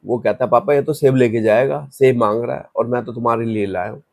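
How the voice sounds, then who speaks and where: A man's voice: medium pitch, fairly even intonation, quick pace, creaky, a little mellow, dry recording, clean studio sound. A man telling a horror story in a loose, conversational way, with restarts, and acting out the story's voices in passing. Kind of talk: casual spoken horror story.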